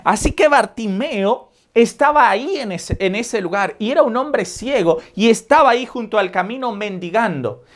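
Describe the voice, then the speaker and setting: A woman preacher giving a sermon, retelling a Bible story and asking her listeners rhetorical questions. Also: on the high side. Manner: addresses listeners as brothers and sisters with rhetorical questions.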